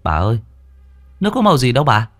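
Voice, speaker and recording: A man's voice: mid-range voice, wildly swooping pitch, quick pace, fairly bright tone, pitched above the performer's own voice. A man voicing fussing household servants who coax and reassure their mistress in a spoken ghost story. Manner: coaxing, reassuring.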